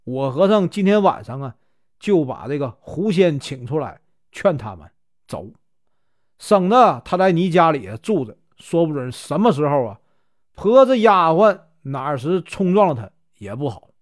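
A man's voice: a little high, sing-song, unhurried. A man with a Northeastern Mandarin accent voicing an eccentric, jovial wandering monk who talks bluntly and offhandedly. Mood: offhand.

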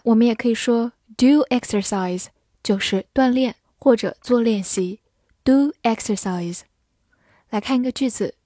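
A woman teaching English vocabulary in a scripted lesson, spelling each word out letter by letter and reading example sentences slowly. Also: fairly high pitch, warm tone, no echo, clean studio sound. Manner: spells words out letter by letter, slow model readings.

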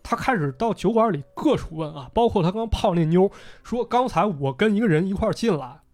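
A man's voice: sits high, lively intonation, a little fast, a little mellow. A man hosting a podcast, casually retelling a story and voicing the characters' lines as he goes. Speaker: podcast host.

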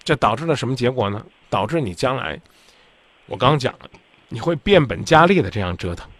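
A man's voice: medium pitch, big pitch swings, brisk, fairly bright tone, no room sound. A man hosting a radio call-in advice show, talking bluntly and insistently, lecturing the caller.

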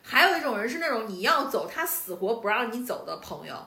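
A woman podcast co-host chatting casually, telling an animated story and acting out what others said. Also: fairly high pitch, quick pace. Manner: animated storytelling, acts out quoted lines. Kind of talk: casual chat. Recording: roomy echo.

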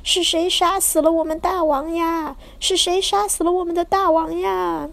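A woman voicing a crowd of ghosts who were killed by a tiger and still serve it, with a shrill, keening manner. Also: fairly even intonation, normal speed, vocal fry, fairly bright tone, full character voice. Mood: wailing. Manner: shrill, indignant then keening. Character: wailing ghosts of tiger victims, servile.

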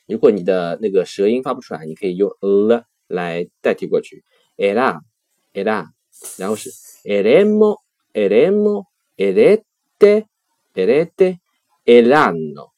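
一位男老师用中文讲解意大利语语法，耐心细致，关键的变位形式会放慢反复念。. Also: male voice, deep voice, a little mellow, no echo. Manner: patient, repeats key forms slowly. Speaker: Italian language teacher. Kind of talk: grammar lesson explanation.

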